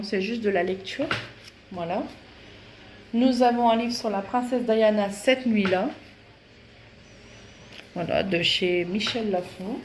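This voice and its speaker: A woman vlogger chatting casually and hesitantly as she shows off her books, with many fillers. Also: fairly high pitch. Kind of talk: casual book show-and-tell. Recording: echoey room with faint noise.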